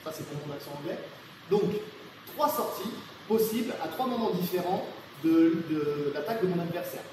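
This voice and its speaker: A man's voice: high-pitched, lively intonation, a little fast. A man teaching a martial arts technique and explaining each step, often checking in with his students. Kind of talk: technique demonstration. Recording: echoey hall with reverb and faint noise.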